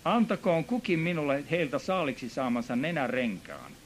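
A fervent male preacher whose voice sits fairly high. He pushes his lines hard and calls out amen and hallelujah again and again. A faint hiss runs under the recording. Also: lively intonation. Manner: emphatic, shouting at peaks, repeats amen and hallelujah. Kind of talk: sermon.

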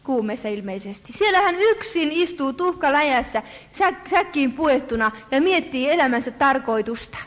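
A woman with a high voice delivers an earnest sermon in a church hall. She calls her listeners friends and draws her words out to stress them. A long, ringing reverb trails after every phrase. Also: a bit bright. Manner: earnest, addresses listeners as friends, slows for emphasis. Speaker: preacher.

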